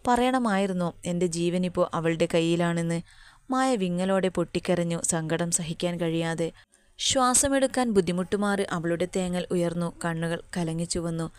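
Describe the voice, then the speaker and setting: A woman narrating a romance story in a measured, emotional reading. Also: on the low side, a little mellow, clean tone.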